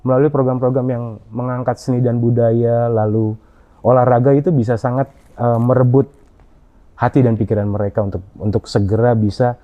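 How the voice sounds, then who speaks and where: A man answering interview questions in a halting way, with frequent fillers and restarts. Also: medium pitch, level tone. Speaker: interview guest. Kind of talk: conversational interview. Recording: dull lo-fi audio.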